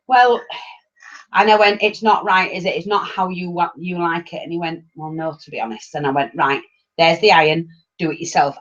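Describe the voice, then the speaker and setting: A middle-aged woman with an English accent chatting casually and telling anecdotes in a blunt, animated way on a livestream. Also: mid-range voice. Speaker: livestream host. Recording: dull lo-fi livestream audio.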